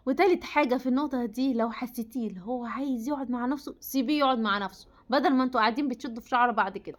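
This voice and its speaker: A woman with an Egyptian Arabic accent giving relationship advice straight to the camera, chatty and speaking to the viewer as a friend. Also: fairly high pitch. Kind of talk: direct-to-camera advice talk.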